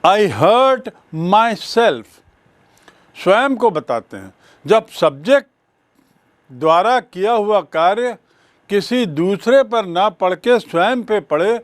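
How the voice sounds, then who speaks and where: A man teaching English grammar in a bilingual classroom lecture, explaining deliberately with examples and spelled-out letters. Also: sits high, lively intonation, dry recording.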